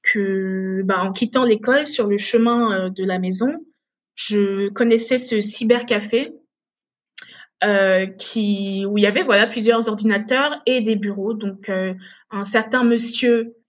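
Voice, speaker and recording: A woman's voice: mid-range voice, fairly even intonation, measured pace. Woman, late twenties, from Togo and Benin; hesitant podcast guest who restarts her sentences often. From Togo, raised in Benin. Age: late 20s. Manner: hesitant, many fillers and restarts. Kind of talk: casual podcast interview.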